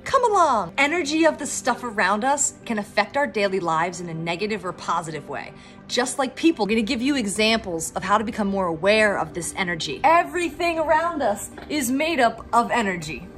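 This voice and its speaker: A woman's voice: mid-range voice, animated, a little fast, a bit bright, soft background music. Upbeat Philadelphia woman in her thirties. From Pennsylvania, USA. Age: 30s. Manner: upbeat, encouraging, self-deprecating asides. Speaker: professional organizer. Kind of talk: instructional talk to camera.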